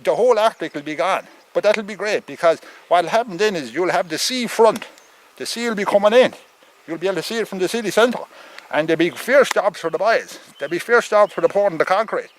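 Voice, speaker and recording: A man's voice: high voice, a little hiss or hum, poor audio. A man with a thick rural Irish accent giving a rambling comic monologue as an opinionated farmer, stammering, repeating himself and swearing.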